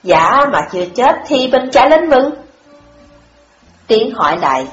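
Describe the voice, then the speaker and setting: A woman's voice: fairly high pitch, big pitch swings, measured pace. Woman narrating a story in an echoey room. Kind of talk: audiobook narration. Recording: dull lo-fi audio, echoey room, faint music.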